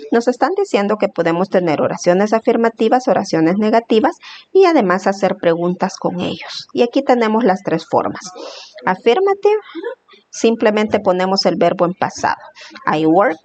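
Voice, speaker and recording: Female teacher, middle-pitched voice, patient and methodical lesson delivery. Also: darkish tone. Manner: patient, step-by-step explaining with repeated examples. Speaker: English teacher. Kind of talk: classroom lesson explanation.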